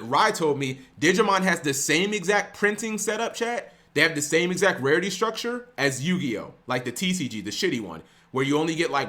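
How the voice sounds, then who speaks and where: A man's voice: on the high side, bright, forceful tone. A young man streaming, ranting casually to his live chat with lots of restarts and some swearing.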